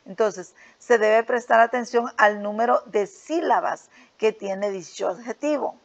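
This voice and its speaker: A woman's voice: a little high, unhurried, creaky. A woman teaching English grammar to school students, explaining a worksheet step by step and checking in often with "ok?" and "right?". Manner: patient, repeats "¿ok?" and "¿verdad?" often. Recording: dull lo-fi sound.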